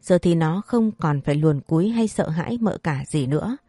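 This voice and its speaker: Mellow low woman narrating a story. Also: animated, breathy edge, no room sound, clean studio sound. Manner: reads all characters in a lightly varied voice, quickening for quarrels. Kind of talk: scripted narration of a family drama story.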